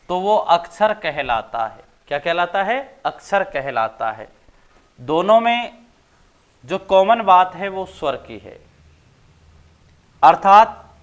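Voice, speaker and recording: A male teacher from Rajasthan giving a grammar lesson, dictating notes slowly and repeating points, then quizzing his students. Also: high voice. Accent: Rajasthani Hindi. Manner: slow, repetitive dictation with questions to students.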